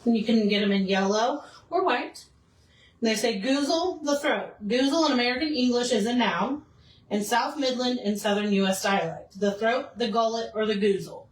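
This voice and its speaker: A woman's voice: fairly high pitch, moderate pace. Woman host, teasing and chatty, recorded far off in an echoey room. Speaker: cooking show host. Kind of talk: casual chat. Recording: distant roomy kitchen recording.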